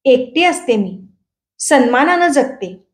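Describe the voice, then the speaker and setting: A woman's voice: high voice, big pitch swings, slow pace, full character voice. Woman reading as an earnest young bride. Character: young woman, orphaned, proud and humble.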